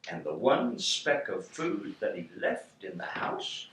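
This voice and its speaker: A middle-aged or older man reading a storybook aloud like a grandfather, with theatrical, rhythmic, deliberate delivery. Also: lowish voice, wildly swooping pitch, fairly bright tone. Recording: roomy distant home recording, faint noise.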